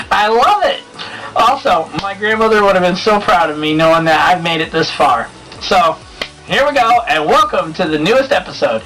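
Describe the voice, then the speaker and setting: A man hosting his own review show in a casual vlog style, excitable and chatty, laughing often as he talks. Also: sits high. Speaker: show host reviewing comics and movies. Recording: distant mic with faint background noise.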